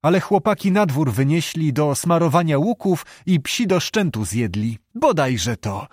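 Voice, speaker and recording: A man's voice: fairly high pitch, big pitch swings, unhurried, no echo, pitched above the performer's own voice. Playful young girl, as a male reader puts her on, pert, lifted voice, dry recording. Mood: matter-of-fact. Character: lively teasing young peasant girl, fifteen.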